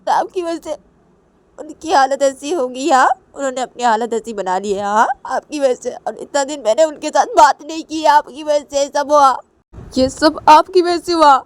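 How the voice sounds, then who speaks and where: A woman voicing a heartbroken young wife who pleads, cries and shouts in a homemade story reading. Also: high-pitched. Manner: pleading and crying, rising to shouts. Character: young woman Uma, heartbroken, tearful, defiant.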